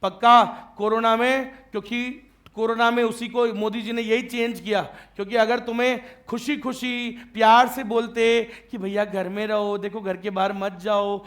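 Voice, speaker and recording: Very high-voiced man teaching a class. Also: flat delivery, moderate pace, a bit bright. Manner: checks often that students follow; joking and teasing with students. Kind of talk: classroom lecture.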